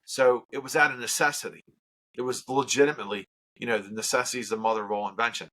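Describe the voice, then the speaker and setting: A man's voice: medium pitch, steady tone, fast, sharp tone. A man who works as a charity auctioneer, telling his story in a casual interview with earnest emphasis and repeats.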